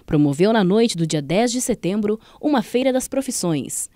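A woman reporter reading a scripted news voice-over in a measured, clear delivery. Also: mid-range voice, lively intonation, mellow, dry recording, clean studio sound.

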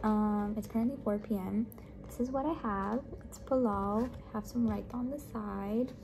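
A young woman, a medical student, chatting casually through her day as a vlogger, with relaxed fillers. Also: mid-range voice, normal speed, noisy background. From Pakistan. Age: young adult. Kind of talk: casual vlog narration.

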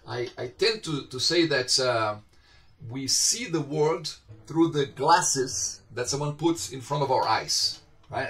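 Speaking from a home office with bookshelves, a middle-aged man with a Brazilian Portuguese accent delivers a casual online university lecture in a medium-pitched, slightly bright voice. His style is chatty, with frequent questions to students and hand gestures as he speaks. The webcam on the video call picks him up from a bit of a distance.

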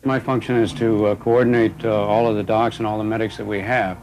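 A man's voice: on the low side, flat delivery, fairly quick, a little mellow, a little hiss or hum, poor audio. Hesitant man explaining his work. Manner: plain, hesitant with fillers. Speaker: medical coordinator. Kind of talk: interview.

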